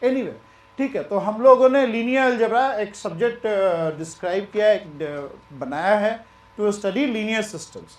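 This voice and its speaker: A man teaching maths in a relaxed, chatty way, mixing Hindi and English and repeating himself. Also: sits high, unhurried, reverberant. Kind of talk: lecture.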